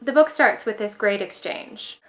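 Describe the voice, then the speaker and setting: A woman's voice: medium pitch, a little slow, music in the background. A young woman giving an upbeat, scripted review of a mystery novel. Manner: upbeat, enthusiastic. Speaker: book reviewer.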